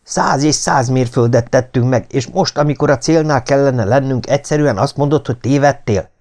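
A man's voice: lowish voice, a little mellow, close to an everyday voice. A man voicing the angry adventurer hero of his own first-person tale, indignant and raised.

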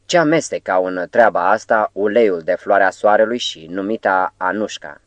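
A man voicing a cautious, uneasy middle-aged male editor in an audiobook, speaking in a measured, polite way. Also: deep voice, dry recording, lightly acted. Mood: puzzled.

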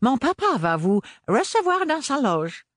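A man's voice: very animated, a little slow, a bit bright, dry recording, studio quality, heavily acted. A man voicing a small boy who speaks with exaggerated politeness while threatening. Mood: menacing. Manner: mock-polite, high-pitched. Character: polite boy holding a gun, menacingly courteous.

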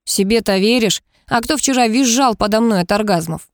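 A woman voicing a curt, cold male company director with a sharp, sarcastic edge, in an audiobook reading. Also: a little high, moderate pace, no room sound, studio quality, close to an everyday voice. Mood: mocking.

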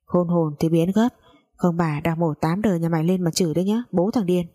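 Woman reading a bullying older mother, foul-mouthed, mellow husky low voice. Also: fairly even intonation, a little fast, close to an everyday voice. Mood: scolding. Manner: coarse, cursing, scolding.

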